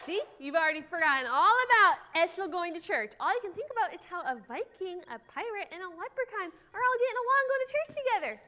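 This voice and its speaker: A woman's voice: very high-pitched, big pitch swings, fast talker, few pauses, bright, forceful tone, full character voice. A woman voicing a chatty, eager young puppet girl in a children's church show. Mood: upbeat. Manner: chatty, upbeat.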